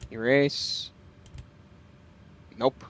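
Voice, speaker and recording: A man livestreaming a flight simulator, talking casually and hesitantly as he thinks aloud. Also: drawn-out words. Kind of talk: casual livestream commentary with pilot radio calls.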